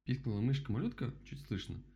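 Expressive man reading a children's story. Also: mid-range voice, quick pace. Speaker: narrator. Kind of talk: children's audiobook narration. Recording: dull lo-fi with faint hum.

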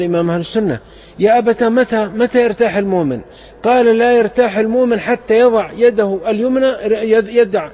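A man's voice: sits high, darkish tone, muffled recording. A man from Saudi Arabia preaching a sermon, telling stories of early scholars with fervent, emphatic exhortation. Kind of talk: sermon storytelling.

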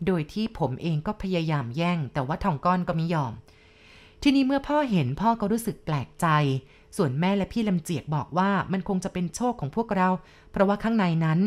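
A woman narrating a first-person ghost story in a steady, dramatic storytelling manner. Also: lowish voice.

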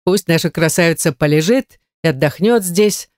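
A woman's voice: fairly low pitch, normal speed, darkish tone, no room sound, studio quality, close to an everyday voice. Woman doing a growling menacing captor. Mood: gloating. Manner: growling, threatening. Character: menacing male leader of captors, cold and cruel.

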